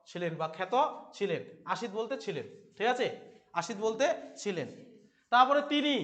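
A man's voice: very high-pitched, a bit bright. A man with a Bengali accent teaching a Sanskrit translation lesson, asking questions and answering them himself and repeating the key words. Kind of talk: classroom lesson explaining translation.

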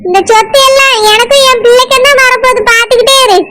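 A boastful, bossy village aunt in a cartoon, voiced by a woman, bragging in a thick Tirunelveli accent. The voice is squeaky and very high. Loud noise hisses under the whole recording. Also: fairly even intonation, quick pace. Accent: Tirunelveli Tamil. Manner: bragging, bossy, self-satisfied. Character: boastful domineering village woman, sister-in-law. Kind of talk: cartoon voice acting.

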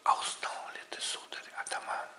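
A fussy, devoted old manservant from a storybook, as a male reader puts him on. It is whispered role-play, close as if right in your ear. The whisper is very sharp, with a roomy echo. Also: normal speed. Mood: indignant, relieved.

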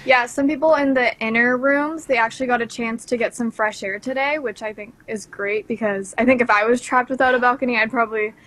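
A woman's voice: fairly high pitch, fairly even intonation, fairly quick, few pauses, a bit bright. A young woman speaking on a video call from a cruise ship cabin, explaining chattily with fillers.

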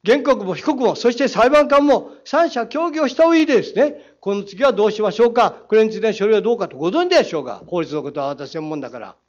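A man with a Saga accent grills the mayor from the council floor, quoting passages and firing rhetorical challenges. His voice sits high for a man. The recording is a muffled, lo-fi council chamber feed. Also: big pitch swings, fast, hardly any pauses. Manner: combative, reads quotes aloud, rhetorical challenges. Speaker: city council member. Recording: dull lo-fi council chamber audio.

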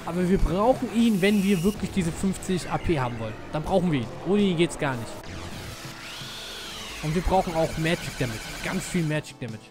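Ein lässiger Mann kommentiert sein Spiel mit eher heller, stark auf und ab springender Stimme und wirkt dabei schnell begeistert. Im Hintergrund läuft leise Spielmusik. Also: male voice, on the high side, fairly quick. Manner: casual, excitable. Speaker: let's player. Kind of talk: gameplay commentary. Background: game music.

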